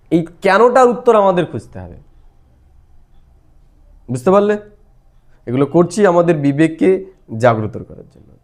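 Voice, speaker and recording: Male spiritual teacher, high-pitched, patient explanatory delivery with frequent rhetorical questions. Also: darkish tone. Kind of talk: devotional explanation of a daily lesson.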